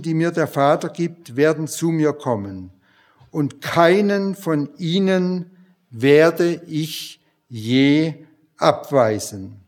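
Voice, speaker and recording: Man preaching, slow and measured, slightly high voice, Bible reading. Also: a little mellow.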